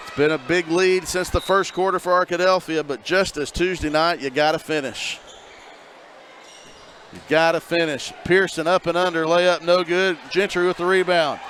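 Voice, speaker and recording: High-voiced man calling a high school game. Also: little pitch movement, fairly bright tone, a little hiss or hum. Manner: quick, wry asides between plays. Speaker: play-by-play announcer. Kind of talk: basketball commentary. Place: courtside at a high school gym.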